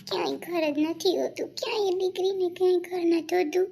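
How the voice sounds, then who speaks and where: Someone voicing a tearful homesick young wife, very high. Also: steady tone, a little fast, dark tone. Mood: sad lament. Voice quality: very high, gravelly voice. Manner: plaintive, weepy pleading. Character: tearful young married woman, homesick daughter. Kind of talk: Gujarati cartoon voice acting.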